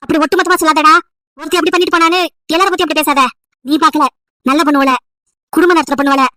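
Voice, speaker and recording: A woman's voice: high voice, steady tone, racing, sharp tone, no echo, studio quality. A woman voicing a nagging, emotional old village grandmother over 70 who scolds and pleads at length. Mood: pleading. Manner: scolding, pleading, wailing complaints.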